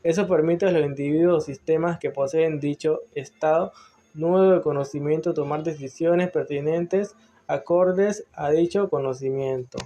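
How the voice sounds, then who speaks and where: A man reading class notes aloud in a measured, list-like way, with occasional slips. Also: fairly high pitch, warm tone. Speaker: student presenter.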